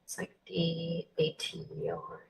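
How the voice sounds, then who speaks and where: A woman trader talks through her positions in a matter-of-fact way during a casual live stream. Her voice is low, husky and gravelly. She speaks with a flat, even tone. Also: takes it slowly, poor audio.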